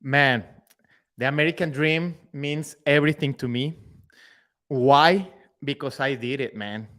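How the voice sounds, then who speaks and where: A young man from Mexico with a Mexican Spanish accent, a roofing company owner talking as a podcast guest in an excited, casual way, dropping "man" and "dude" into his sentences. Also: medium pitch, measured pace. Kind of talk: casual interview chat.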